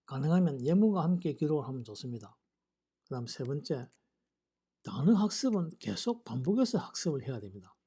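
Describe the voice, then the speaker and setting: A man teaching English vocabulary in a lecture, reading English example sentences slowly and carefully. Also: on the high side, mellow, breathy edge. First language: Korean.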